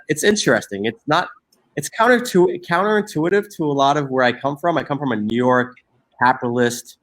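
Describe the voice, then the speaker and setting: An Egyptian man in his forties with a medium-pitched, somewhat bright voice appears as a guest in a reflective interview about his social entrepreneurship. He talks earnestly, with many fillers and repeated restarts.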